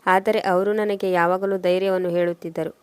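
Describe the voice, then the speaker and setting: A woman narrating a story in steady scripted storytelling. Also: on the low side, fairly quick, smooth.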